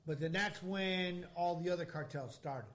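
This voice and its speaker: A man's voice: high-pitched, normal speed, a bit bright. A man telling stories in casual chat, explaining things loosely with informal slang.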